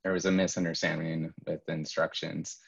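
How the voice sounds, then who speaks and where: A man's voice: very deep voice, little pitch movement, fairly quick, creaky, slightly rough. A man giving polite, step-by-step technical instructions during a video call. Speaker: event technician. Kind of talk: technical announcement. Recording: dull lo-fi call audio.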